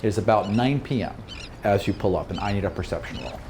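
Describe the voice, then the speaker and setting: A game master and podcast host narrates a tabletop roleplaying game in a descriptive, storytelling style. His voice sits on the low side and moves quickly, with noise audible in the background.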